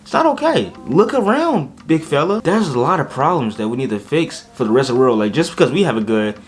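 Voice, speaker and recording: A young man vlogging his opinions in a blunt, animated way, with swearing and sudden outbursts. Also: mid-range voice, fairly quick. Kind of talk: opinion rant to camera.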